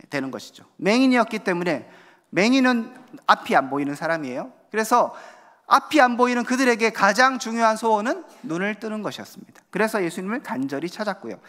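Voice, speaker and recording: A male pastor with a high-pitched, fairly bright voice preaches in a church sanctuary, questioning the congregation and acting out the crowd's voices. The recording carries long church-hall reverb.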